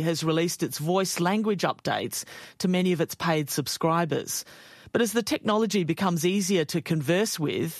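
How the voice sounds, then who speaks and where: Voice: medium pitch, no echo, clean studio sound. A news presenter reading scripted introductions.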